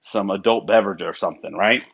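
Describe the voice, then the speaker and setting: A man's voice: deep voice, fast, vocal fry, fairly bright tone, slightly rough, muffled recording. Folksy Southern man hosting a podcast. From South Carolina. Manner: folksy, rambling, laughs at own jokes. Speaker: podcast host.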